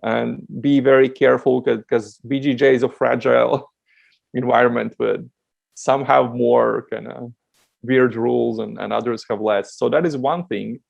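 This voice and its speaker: Man, from Latvia, podcast guest, very gravelly voice, chatty, laughs a lot, dull lo-fi recording. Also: mid-range voice, fairly even intonation, moderate pace. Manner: chatty, laughs often, many restarts. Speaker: guest, dating coach. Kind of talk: casual podcast chat.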